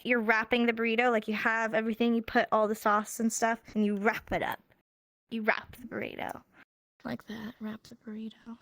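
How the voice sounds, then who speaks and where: A woman's voice: a little high, fairly bright tone, dry recording. An American woman teaching a casual sign language class, upbeat and encouraging, laughing often. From United States. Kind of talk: casual live class in a virtual world.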